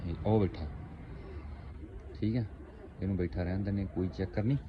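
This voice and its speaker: A man's voice: sits low, steady tone, moderate pace, dull audio. A man chatting informally to viewers like mates in a rustic, casual vlog. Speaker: pigeon-keeping vlogger. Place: outdoors on a rooftop at a home. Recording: noisy outdoor ambience, birds behind. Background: birds and outdoor ambience.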